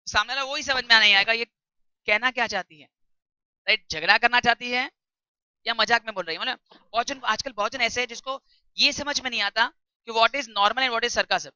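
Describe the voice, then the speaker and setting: A woman tutor giving a classroom lecture, reading English text slowly and explaining it in chatty while quizzing her students. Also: a little high, pushed and bright, smooth, dry recording. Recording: dull lo-fi recording.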